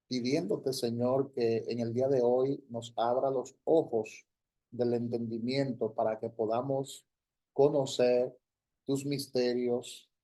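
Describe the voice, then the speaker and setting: A man leading prayer as a pastor, speaking slowly and solemnly in a flat, steady line. His tone is dark and mellow, and he repeats praise phrases in a measured rhythm. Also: medium pitch. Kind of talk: sermon prayer. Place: church, livestreamed service.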